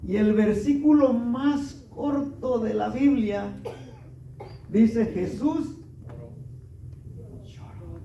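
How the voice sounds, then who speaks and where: A man's voice: extremely high pitch, slow, vocal fry, dark tone, echoey room, recorded from a distance, highs cut off, a little hiss or hum. A man preaching a sermon in a church, reading scripture and asking rhetorical questions with rising emphasis.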